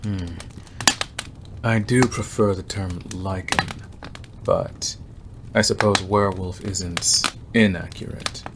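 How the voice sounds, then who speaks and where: In an ASMR roleplay, a man plays an obsessive werewolf stranger, speaking very low and slow with fairly even intonation as he teases and menaces his prey in a mood of menacing reminiscence. He leaves long, deliberate pauses, and clear background noise with clicks runs beneath his voice.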